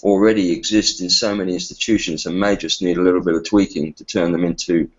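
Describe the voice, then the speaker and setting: A man's voice: sits low, fairly even intonation, fast talker. A man on a committee speaking earnestly in an online meeting, hesitant and restarting often, over muffled call audio. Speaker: committee member. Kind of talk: meeting discussion.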